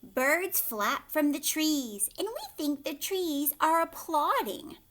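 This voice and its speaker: With a high, animated voice, a woman reads a picture book to young children the way a teacher would, drawing out words and whispering asides that ask her listeners questions. She takes her time. There is a slight hiss or hum in the background.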